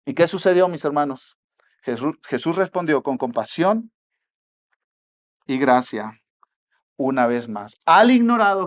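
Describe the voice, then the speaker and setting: A man with a Mexican accent preaching a sermon as pastor, swinging between soft asides and loud exhortation. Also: mid-range voice.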